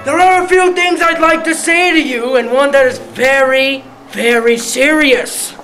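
A woman voicing an old male headmaster giving a grand, slow welcome speech. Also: sits high, fairly bright tone, soft background music, voice pushed up, poor audio. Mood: ceremonious.

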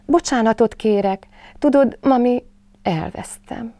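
A woman's voice: dark tone, natural voice. A woman voicing a small young male kangaroo who is lost and clings to his friend. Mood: excited. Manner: high, pleading childish voice.

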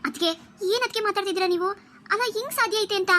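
A worried cartoon mother soothes and reasons in a high, bright voice, as a woman puts her on. Her words come quickly and evenly. She is pleading and patient. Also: slight background noise. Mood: doubtful. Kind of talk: cartoon voice acting.

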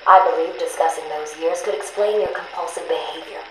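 An actress playing a composed female asylum psychiatrist, heard played back from a cassette interview tape, speaking in a measured, clinical, formal way. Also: on the low side, a bit bright. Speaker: psychiatrist conducting patient interviews. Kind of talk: video game voice acting. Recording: roomy, faintly hissy tape recording.

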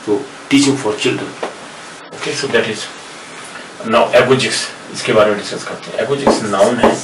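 Older Indian professor, slow patient lecturer who repeats and spells words, recorded from far off with room hiss. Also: male voice, on the low side. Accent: Indian English. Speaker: professor teaching English word roots. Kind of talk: classroom lecture mixing Hindi and English. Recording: echoey room, distant mic, noisy.

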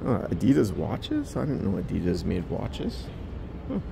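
With a low, creaky voice whose pitch swoops wildly, a man speaks unhurriedly over background noise. He's giving a casual walking tour of a large indoor department store, filmed on a handheld phone, full of chatty musings to himself.

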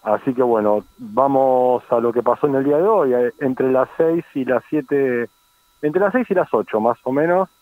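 Argentine guy doing the weather over the phone, middling pitch, chatty forecast. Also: normal speed, dry recording. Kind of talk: conversational weather report. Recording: thin, phone-like radio call.

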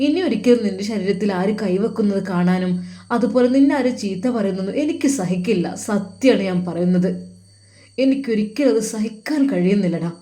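A woman's voice: mid-range voice, fairly quick, lightly acted. A woman voicing a young man who comforts and protects his close friend. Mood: earnest. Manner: gentle, comforting.

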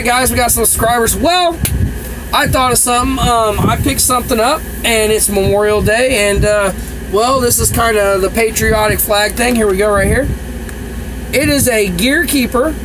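A truck-driving man talks to the camera from his cab at night, his voice sitting fairly high for a man. He rambles and repeats himself, eager and chatty. The clear hum of the engine and air conditioning runs under every word. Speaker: truck driver vlogger. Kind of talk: casual vlog chat to camera. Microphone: phone or camera held close.

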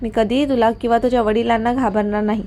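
A woman's voice: fairly high pitch, steady tone, fast, warm tone, slight background noise, natural voice. A woman voicing an arrogant, domineering rich young husband in a storybook reading, with cold, commanding scorn. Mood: harsh.

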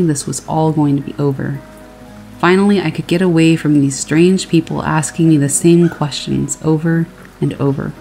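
A horror story narrator calmly reading a first-person scary story aloud, with steady storytelling delivery. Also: medium pitch, poor audio. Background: rain sounds and faint music.

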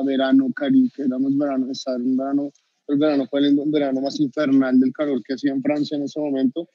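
Telling his story as a chef guest on a video call, a Bogotá Colombian man in his thirties hesitates a lot, filling gaps and restarting sentences. His mid-range voice is mellow, with no room sound. The webcam recording is dull and dry.

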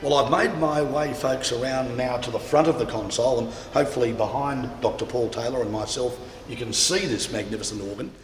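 A man's voice: mid-range voice, fairly quick, hardly any pauses. A man presenting and interviewing on camera, chatty and promotional, talking straight to viewers. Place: large cathedral interior. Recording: echoey cathedral with long reverb and faint background noise.

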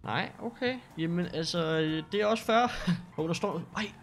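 A man's voice: sits high, gravelly. A young man casually commenting as he plays an online role-play game, joking and laughing at himself. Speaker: streamer playing a role-play server.

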